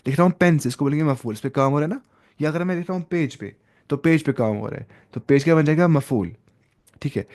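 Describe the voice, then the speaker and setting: A man's voice: a little high, fast talker, a little mellow. A young man teaching an Arabic grammar class to students, explaining each step, asking questions and mixing in English terms.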